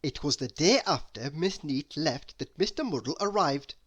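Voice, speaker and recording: A woman reading a children's story aloud as an expressive narrator. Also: low-pitched, moderate pace, breathy edge. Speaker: story reader.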